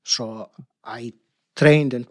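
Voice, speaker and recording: A man in his fifties talks through his story at a middle pitch. He speaks in a measured, thoughtful way and breaks into soft laughter now and then. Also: fairly even intonation. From Greece. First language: Greek. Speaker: podcast guest, coach. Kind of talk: interview answers.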